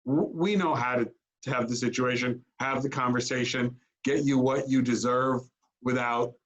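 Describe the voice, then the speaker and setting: A man's voice: mid-range voice, fairly even intonation. A man speaking earnestly as a talent agent in a town hall on a video call, often restarting his sentences. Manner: earnest, halting, many restarts. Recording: dull lo-fi video call audio.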